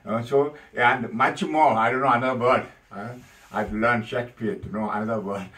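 A man preaching a sermon as a priest, emphatic and animated, with many fillers. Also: medium pitch, normal speed, far from the mic, poor audio.

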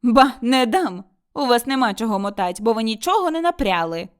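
A woman's voice: on the high side, animated, normal speed, natural voice. A woman reading an audiobook, voicing a stubborn young daughter-in-law who answers back curtly and defiantly. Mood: shouting. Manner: curt, defiant, retorting. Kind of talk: audiobook character voice.

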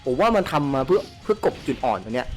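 Man, gaming host, live gameplay commentary, excitable, crude, yells at characters, faint game music behind. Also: mid-range voice, rapid-fire.

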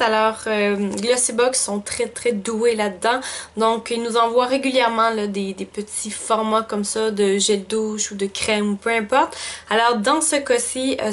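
A beauty vlogger with a Quebec French accent talks her viewers through a subscription box in a loose, chatty way. Her voice sits a little high for a woman, and she fills pauses with hesitations as she thinks aloud. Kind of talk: casual unboxing review.

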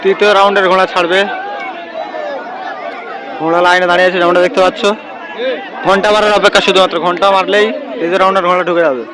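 A man's voice: high voice, level tone, fast, pauses often. A man gives live commentary like a race caller, repeating phrases and addressing viewers as friends, outdoors on a field. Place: outdoors at a crowded village racing field. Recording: noisy outdoor field with loud crowd.

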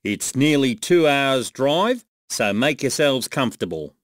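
A man voicing a brisk adult male camp guide, calling out orders loudly to a group of boys. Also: medium pitch, very animated, no room sound, clean studio sound. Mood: instructive. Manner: loud rallying calls to a group.

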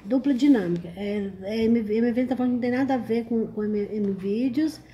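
Greeting and teasing her viewers, a Brazilian-accented woman runs a relaxed livestream where she chats excitedly and reads comments. She talks a little fast in a slightly high voice, and the recording's highs are cut off.

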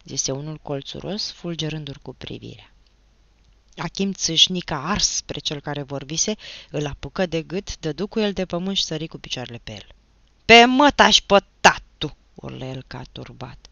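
Lower-voiced woman reading a story aloud. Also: creaky, no room sound. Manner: expressive, storytelling. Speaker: audiobook narrator. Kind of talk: dramatic audiobook narration. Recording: slightly dull, dry recording.

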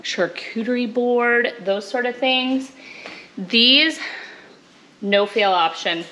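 Filmed on a moving handheld or mounted camera, this Alaskan homestead vlogger in her thirties cooks at home and casually explains every step in a cook-along video. She speaks slowly in a sharp, fairly high voice over a faint hiss or hum, and the recording quality is low. The clatter of pots, dishes and cutlery comes through clearly.

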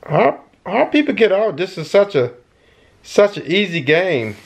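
A middle-aged man giving casual gameplay commentary into a headset mic, breaking into excited shouts and yelps. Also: high voice, unhurried, creaky. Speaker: gaming YouTuber. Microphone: gaming headset.

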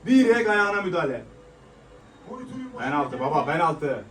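A young man giving live reaction commentary on a match, frustrated and swearing as he shouts at the players. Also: a little high, big pitch swings, moderate pace, a crowd in the background. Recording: echoey room, mic at a distance.

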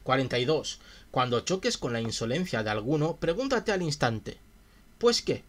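His medium-pitched voice has a sing-song quality and moves at normal speed as he reads a philosophy text on a casual livestream. He pauses the reading to ponder with chat, chatty and full of questions.

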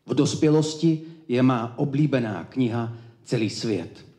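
Man declaiming slam poetry, roomy echo. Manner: rhythmic rhyming declamation with dramatic swings in pitch and loudness. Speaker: slam poet. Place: live event room.

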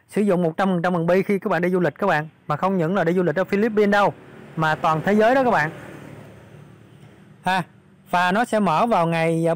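Guy vlogging, kinda hoarse today, highish voice, lots of uh fillers, dry close sound. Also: no room sound. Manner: chatty, many fillers, addresses viewers directly. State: slightly hoarse. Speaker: crypto channel host. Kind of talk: casual screen walkthrough vlog.

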